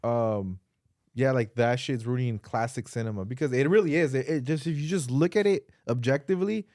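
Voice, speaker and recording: A man's voice: medium pitch, brisk, a little mellow, dry recording. Earnest, profane guy, dry close sound. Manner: slangy, profane, earnestly arguing a point. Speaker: podcast host. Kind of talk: casual opinionated chat.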